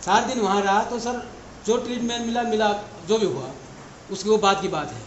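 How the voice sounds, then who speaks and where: An agitated man with a very high, strained voice airs a complaint at a public meeting. The hall echoes around him and a faint hum sits behind. He talks like a parent at the end of his patience. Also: normal speed, highs cut off. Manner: agitated and emotional, rising to shouts.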